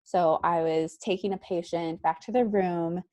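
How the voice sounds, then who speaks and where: A woman's voice: lowish voice, fairly even intonation, measured pace, warm tone, no room sound. Giggly young woman telling a story. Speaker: podcast guest, physical therapy student. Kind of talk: casual podcast chat.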